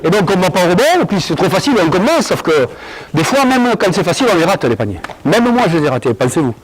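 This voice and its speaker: A male basketball coach running an on-court session, explaining drills and barking quick commands at players. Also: high voice, very animated, slight background noise, poor audio.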